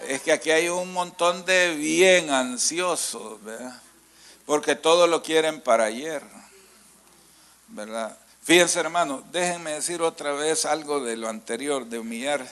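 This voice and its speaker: A middle-aged Salvadoran pastor preaches in a slow, unhurried way, his voice sitting fairly high for a man. He draws out each verse he reads and has the congregation repeat the words after him. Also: a bit bright. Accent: Salvadoran Spanish. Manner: drawn-out scripture reading, calls on congregation to repeat. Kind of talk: sermon.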